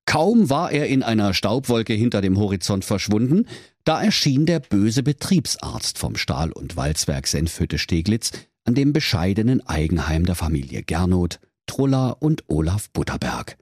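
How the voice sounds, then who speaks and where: A storyteller reading a comic fairy tale in a deadpan storybook manner. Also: low voice, normal speed, slightly rough, dry recording, clean studio sound.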